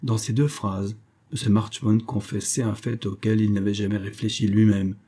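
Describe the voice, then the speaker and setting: A man reading a classic novel aloud as audiobook narration, in a measured storytelling manner. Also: lowish voice, flat delivery, mellow, slightly rough. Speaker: audiobook reader.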